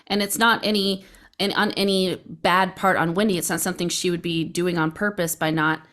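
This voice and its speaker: A woman's voice: on the low side, steady tone, moderate pace, a bit bright. A woman co-hosting a casual podcast from home, blunt and swearing, often laughing at herself. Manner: blunt, swearing, self-mocking and giggly. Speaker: podcast co-host. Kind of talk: casual chat. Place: home with dogs. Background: dogs barking.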